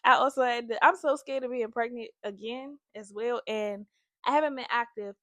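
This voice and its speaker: A young woman speaks candidly in a confessional vlog, earnest and emotional as she addresses her viewers directly. Her voice sits a little high, and the sound is dry and close. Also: normal speed, a bit bright, no room sound. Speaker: host.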